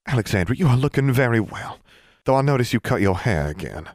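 A man's voice: medium pitch, very animated, fairly quick, no room sound, clean studio sound, pitched above the performer's own voice. A man voicing an effusive seventeen-year-old witch girl with a lilting Southern US accent in an audiobook. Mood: gushing.

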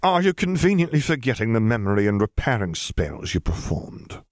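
A man voicing an exasperated male wizard who speaks dryly and sardonically at an unhurried pace, in a storybook reading. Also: medium pitch, very animated, pitched above the performer's own voice, natural voice. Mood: sardonic. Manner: dry, sardonic, slow and measured.

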